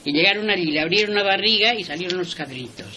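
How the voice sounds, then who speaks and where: A woman's voice: lowish voice, animated, quick pace, pushed and bright, low-quality recording. An older woman telling a folk tale in a homely, plain way, with faint noise behind. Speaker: storyteller.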